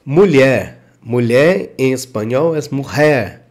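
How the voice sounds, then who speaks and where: A man giving a casual online language lesson. He repeats example phrases slowly and drawn out, and checks in with the listener often. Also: medium pitch, lively intonation, darkish tone. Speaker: language teacher for truck drivers.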